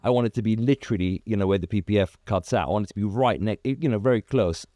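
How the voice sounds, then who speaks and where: A man's voice: fairly low pitch, quick pace, no room sound, studio quality. A man who grew up in Iraq, a business founder talking in a casual interview and acting out old conversations as he goes. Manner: animated storyteller, acts out quoted dialogue, many restarts. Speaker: car detailing business founder, guest.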